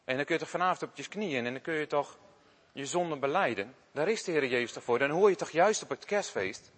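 A patient, kind-hearted schoolteacher, voiced by a male storyteller, gently coaxing a pupil. His voice is a touch high, carried by a long hall reverb. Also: expressive, a little fast, husky. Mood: gentle.

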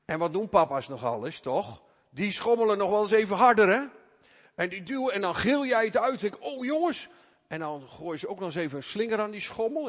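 Preacher in an echoing hall. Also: male voice, husky. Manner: emphatic, swings between soft low asides and loud raised calls. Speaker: pastor. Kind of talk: sermon. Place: church. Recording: reverberant church hall.

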